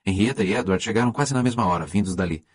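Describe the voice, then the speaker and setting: A man's voice: fairly low pitch, expressive, fast talker, husky, no room sound. A man reading the part of a gracious, vague older lady hostess who chats apologetically in an audiobook. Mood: chatty. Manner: apologetic, chatty, socially polite.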